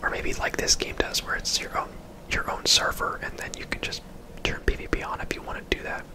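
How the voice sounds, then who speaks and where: A video game streamer and host whispers brisk, casual game commentary up close to the microphone in ASMR style, chattering and rambling into asides on a rough recording.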